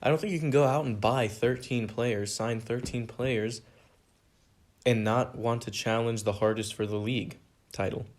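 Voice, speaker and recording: A man's voice: mid-range voice, steady tone, normal speed, a little mellow. A young man from America hosting a solo podcast, answering fan questions in an earnest, rambling way that repeats itself. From United States. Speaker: podcast host.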